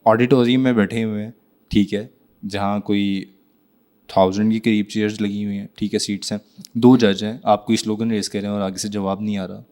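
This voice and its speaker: A man's voice: on the low side, flat delivery, a little mellow. A man with a Pakistani Urdu accent hosting a casual interview, asking probing and teasing questions. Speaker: interview host.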